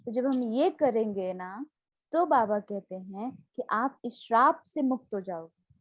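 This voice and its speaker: A woman's voice: fairly high pitch, expressive, unhurried, dry recording, dull audio. Woman teacher giving a devotional class. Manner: explains with homely examples, asks listeners questions. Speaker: spiritual teacher.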